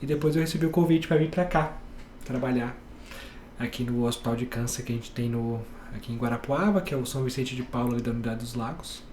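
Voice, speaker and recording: Calm surgeon from Bahia, echoey room. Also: male voice, mid-range voice, fast, a little hiss or hum. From Bahia, Brazil. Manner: calm, explains step by step with plain examples. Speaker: head and neck surgeon guest. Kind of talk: explanatory podcast interview.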